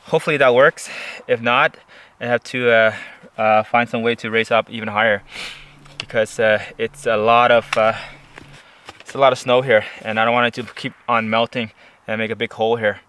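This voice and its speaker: A man chatting casually to camera as a camping vlogger out in the cold, speaking haltingly as he searches for words, his mouth a little stiff from the chill. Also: mid-range voice, steady tone, fairly bright tone, smooth. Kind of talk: casual vlog chat to camera. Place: outdoors at a snowy mountain campsite.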